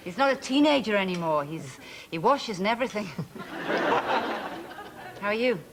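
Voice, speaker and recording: A woman's voice: mid-range voice, animated, normal speed, very noisy, lightly acted. An actress playing a middle-aged woman TV talk show host with dry, cutting wit.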